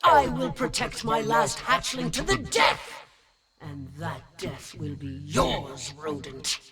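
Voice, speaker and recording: Man putting on a slow grave mother dragon. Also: extremely high pitch, big pitch swings, a crowd in the background, voice pushed up, heavily acted. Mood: menacing. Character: fierce mother dragon, huge, protective, female.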